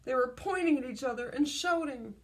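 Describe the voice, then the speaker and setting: A woman with a high voice reads a storybook aloud to young children the way a teacher would, expressive and deliberate, prompting her listeners as she goes.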